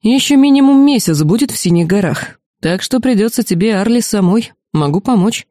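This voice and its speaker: A courtly duke speaks in a calm, wry, faintly condescending tone, as a woman reads him in an audiobook, with a mellow, dark timbre. The sound is close and dry. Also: mid-range voice, moderate pace, no echo, lightly acted. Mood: earnest. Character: suave, candid noble duke, adult man. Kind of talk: audiobook character reading.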